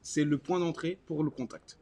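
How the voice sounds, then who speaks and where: A man joining a live morning chat in a cafeteria as co-host, playful and quick to laugh. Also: on the high side, mellow, slight background noise. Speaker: co-host guest. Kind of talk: casual chat.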